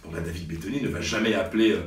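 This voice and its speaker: A deep-voiced man in his late forties tells his stories slowly and hesitantly, full of pauses and restarts. He sounds a little distant from the mic in a roomy space, with faint music underneath. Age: 40s. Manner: hesitant, many fillers and restarts. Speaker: sports journalist. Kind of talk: reflective storytelling to camera.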